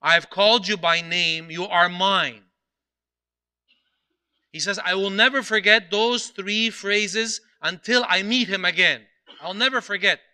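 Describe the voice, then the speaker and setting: Priest man preaching, kinda high voice, earnest storytelling, lots of repeating for emphasis. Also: bright, forceful tone. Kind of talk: sermon.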